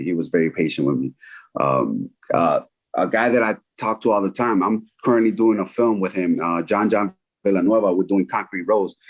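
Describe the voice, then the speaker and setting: A man in his forties, a filmmaker talking as a guest in a casual interview, animated and repeating phrases for emphasis. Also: sits low. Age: 40s.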